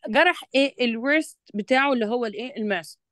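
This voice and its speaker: Egyptian woman tutoring, higher voice. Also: a bit bright, dry recording. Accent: Egyptian Arabic. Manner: explains patiently, keeps checking understanding; reads English sentences slowly and deliberately. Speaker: English tutor. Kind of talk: one-on-one revision lesson.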